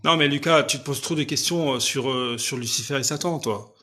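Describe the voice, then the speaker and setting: Loud, insistent French-speaking preacher. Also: male voice, mid-range voice, brisk. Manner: loud, insistent speech with frequent rhetorical checks. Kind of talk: live-stream preaching, answering viewers' questions.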